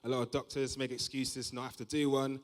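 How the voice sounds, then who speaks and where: On stage at a big comedy venue, this young Southeast London comic tells observational stories in a conversational way, acting out what people said, in his London accent. His mid-range voice has a flat delivery and moves a little fast, captured on a live stage mic in a reverberant hall.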